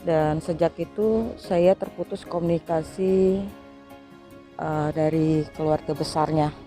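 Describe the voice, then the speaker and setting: A woman's voice: low voice, steady tone, slow pace, mellow, soft background music. A woman from Indonesia, vlogging outdoors in a city square and filming herself with a handheld phone, hesitant, with many fillers. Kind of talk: casual vlog narration. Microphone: phone held by hand, no tripod.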